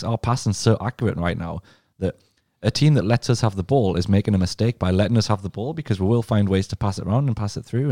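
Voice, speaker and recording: Fast-talking man with a mellow voice. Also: fairly low pitch, dry recording, clean studio sound. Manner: emphatic, swears casually. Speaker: podcast panelist. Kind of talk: casual football podcast chat.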